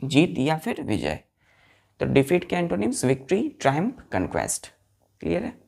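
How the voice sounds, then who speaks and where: Low gravelly woman teaching vocabulary. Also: huge pitch swings, normal speed, a little mellow. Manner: spells words letter by letter and keeps asking children to repeat; mixes Hindi explanations with English words. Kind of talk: classroom-style vocabulary lesson.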